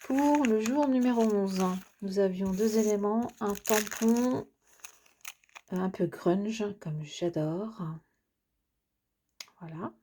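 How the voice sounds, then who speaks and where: A woman vlogger talks her viewers through craft supplies in an unhurried, hesitant way, often filling gaps with drawn-out pauses. Her voice is mellow and soft-edged, and her pitch sits in a middle range. A faint hiss sits underneath. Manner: hesitant, frequent filler sounds; chatty, addresses the viewer directly. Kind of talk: casual unboxing commentary.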